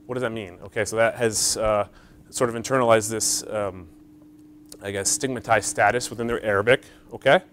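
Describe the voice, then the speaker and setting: A man's voice: fairly low pitch, fairly even intonation, moderate pace, a bit bright. Man lecturer, engaging, checks in with the audience; slight background hum. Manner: explains step by step, checks in with "right?" and "okay?"; frequent fillers, engages the audience. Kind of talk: academic conference talk.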